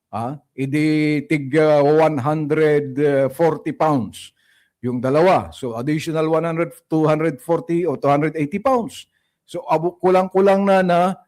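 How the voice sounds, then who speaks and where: A man hosting a political opinion vlog, talking straight to his viewers in a scornful, mocking tone and slowly working through numbers. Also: fairly high pitch, darkish tone. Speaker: political commentary vlogger. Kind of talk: opinion commentary addressed to viewers.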